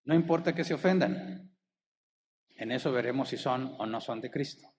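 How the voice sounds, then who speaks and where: A male pastor preaching a sermon. He keeps asking the congregation rhetorical questions and slows down to stress the key words. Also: medium pitch, big-room sound. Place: church hall.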